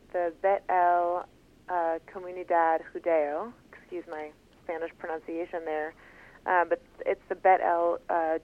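An American woman explaining things as an interview guest, in a hesitant, measured way, over the telephone. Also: lowish voice. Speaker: interview guest, contest participant. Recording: tinny phone line.

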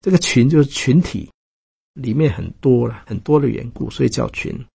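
A male pastor preaching a sermon in Mandarin, retelling Bible stories in a lively way and voicing the characters. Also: normal speed, gravelly, husky, no room sound. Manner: lively storytelling, quoting characters with raised pitch.

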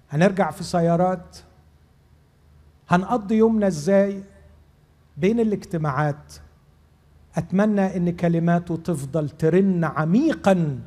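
A man with an Egyptian accent preaches at a prayer conference, fervent and pleading as he urges the crowd to pray. His voice sits high for a man. The sound rings with the long reverb of a large hall. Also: warm tone, slightly rough. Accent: Egyptian Arabic. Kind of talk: impassioned sermon leading prayer.

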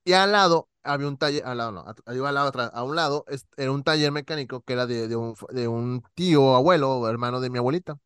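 A man, a podcast co-host telling stories in casual chat, animated and full of slang. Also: mid-range voice, fast, few pauses, clear, resonant tone, no echo, clean studio sound. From Monterrey, Mexico. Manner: animated storyteller, acts out voices, heavy slang.

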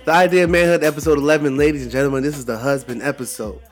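A man's voice: on the high side, fairly even intonation, racing, soft background music. An American man hosting a solo podcast in a casual, laid-back bro style, full of hip-hop slang and repeated catchphrases. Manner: laid-back, slangy, bro-like delivery peppered with "yo" and "you know what I'm saying". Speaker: podcast host.

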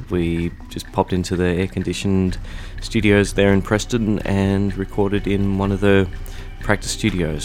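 A man hosting a podcast interview, talking in a relaxed, conversational way with the odd filler, recorded in a studio. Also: deep voice. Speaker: podcast host. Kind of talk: casual spoken intro and interview.

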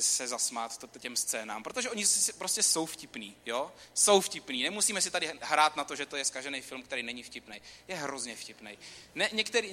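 A man giving an informal, conversational sermon, talking straight to his listeners. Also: mid-range voice. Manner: conversational, animated, talks straight to the audience. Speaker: preacher. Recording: long hall reverb with faint room noise.

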